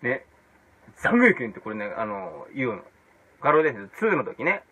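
A man's voice: mid-range voice, moderate pace, breathy edge. Jokey comedian guy riffing solo, voice leaps all over, kinda muffled lo-fi audio. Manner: animated, jumps into loud mock-English shouts. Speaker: comedian hosting his own video blog. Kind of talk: casual comic monologue. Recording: dull lo-fi sound.

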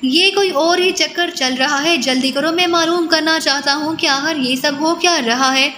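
A woman reading the part of an agitated male scientist who shouts urgent commands at his assistant, in an audiobook with long reverb and faint noise. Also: high-pitched. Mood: alarmed. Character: agitated male scientist in charge, barking orders.

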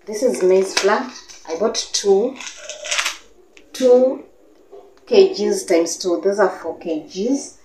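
Speaking slowly and pausing often, this young vlogger has a medium-pitched voice and a Kenyan English accent, captured with a roomy sound and some background noise. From her living room sofa, she casually describes her grocery haul to the camera, gesturing freely and restarting her sentences amid plenty of fillers.

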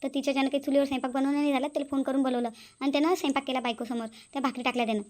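A woman's voice: sits high, flat delivery, very fast, a little mellow, close to an everyday voice. A woman voicing a quarrelsome middle-aged mother-in-law in a cartoon, nagging and accusing. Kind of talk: cartoon voice acting.

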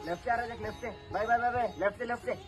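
A man yelling urgent callouts while playing a shooting game. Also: very high-pitched, fairly even intonation, rapid-fire, loud music behind the voice. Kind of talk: shouted gaming callouts.

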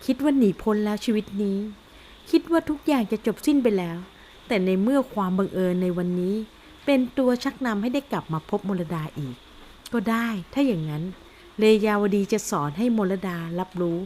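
A woman's voice: mid-range voice, very animated, brisk, dark tone, a little hiss or hum. Woman narrating an audio novel.

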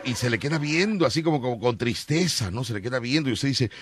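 A man's voice: mid-range voice, expressive, quick pace, a loud crowd, heavy background noise. A man with a Mexican accent hosting a comic radio show, joking and telling stories with many restarts. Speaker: radio host. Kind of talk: comic morning radio talk.

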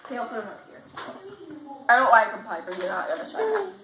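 A young woman vlogger chatting casually through a candy taste test at home, excitable and giggly. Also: fairly high pitch, quick pace. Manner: excitable, giggly, bursts into squeals. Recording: echoey room with faint noise.

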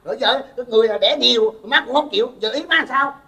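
A man's voice: very high voice, fast, pushed and bright, recorded from a distance, heavily acted. A man playing an exasperated grown son, who pleads with and teases his mother in a comedy sketch. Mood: whiny. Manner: whiny, teasing, pleading.

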